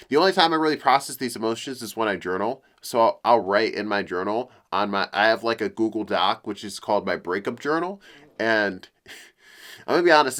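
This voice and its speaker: Young male vlogger, mid-range voice, low and depressed, candid rambling monologue with fillers. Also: fairly bright tone. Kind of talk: personal venting monologue.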